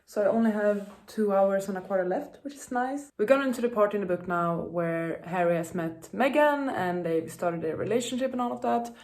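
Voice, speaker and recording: A woman's voice: mid-range voice, moderate pace, hardly any pauses, darkish tone. A woman talking casually as a reading vlogger, in a rambling, self-questioning way full of hedges. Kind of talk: casual vlog chat.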